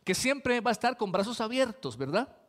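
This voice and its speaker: A man with a rather high voice delivers a sermon to his congregation. He talks in a relaxed, conversational way, tossing frequent rhetorical questions to the listeners between his points. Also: moderate pace. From Colombia. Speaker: pastor.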